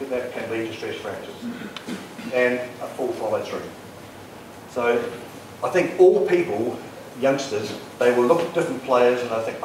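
An older man, giving a relaxed, explanatory coaching presentation at a workshop in a large lecture room. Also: mid-range voice. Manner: relaxed, explanatory, points at slides. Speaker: bowling coach. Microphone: lapel mic. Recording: echoey room, distant sound, light noise.

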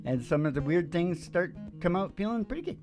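Between songs, an older man hosting a music show rambles casually, opinionated and crude in his humor, speaking close on the mic. He has a high voice with lively intonation and a fairly quick pace. The setting is a small, dim, curtained room with a close vocal microphone on a stand and acoustic guitar in the background.

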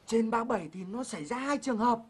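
Woman in a comedy sketch, quick bantering delivery, fairly high voice, noisy recording. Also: lively intonation, husky. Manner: bantering, bursts of laughter. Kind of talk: comic sketch acting.

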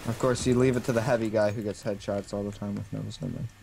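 A man's voice: fairly low pitch, fairly even intonation, fast talker, gravelly, warm tone, a little hiss or hum, poor audio. A man bantering through casual gameplay commentary, joking and mock-boastful. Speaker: co-player.

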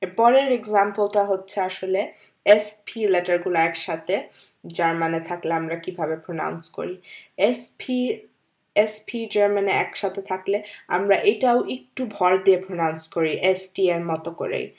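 A woman's voice: lowish voice, a little mellow. Woman patiently teaching beginner German. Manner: slow, repeats example words one by one, with fillers. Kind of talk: beginner language lesson.

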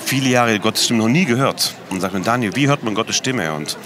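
A man's voice: fairly low pitch, expressive, a little fast, a crowd in the background. A man earnestly describing his prayer life as an interview guest, stressing points by repeating words. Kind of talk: casual faith conversation.

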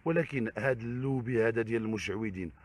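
A man's voice: mid-range voice, fast, a little mellow. A man with a Moroccan Arabic accent interviewing a guest, pushing with pointed follow-up questions. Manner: probing, pushes with follow-up questions.

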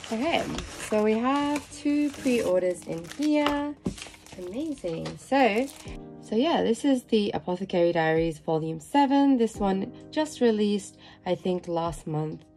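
A woman's voice: mid-range voice, animated, unhurried, over music. A young woman with a nasal, stuffed-up voice after being ill, chatting upbeat through a casual manga unboxing vlog. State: nasal from a cold. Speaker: manga vlogger.

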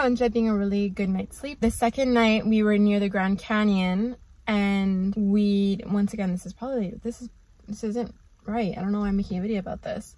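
A woman's voice: medium pitch, a little mellow, no room sound. Chatty young woman vlogging. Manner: chatty, rambling with frequent "like" and "um". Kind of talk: casual chat to camera. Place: parked small car. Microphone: camera on dashboard.

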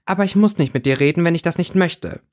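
A man's voice: fairly high pitch, quick pace, no room sound, studio quality, pitched above the performer's own voice, natural voice. Man voicing a defiant teenage schoolgirl. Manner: defiant, tense. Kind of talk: audiobook character reading.

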